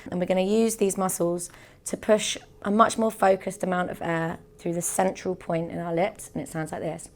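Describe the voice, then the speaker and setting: A woman's voice: lowish voice, little pitch movement, moderate pace, vocal fry. A young woman teaching a beatboxing technique, explaining step by step in a patient tutorial manner. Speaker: beatbox instructor.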